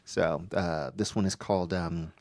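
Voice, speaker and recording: A man's voice: deep voice, fairly even intonation, measured pace, darkish tone. A man who performs at an open mic, chatting casually between songs and rambling with many fillers and restarts. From Maryland area, USA.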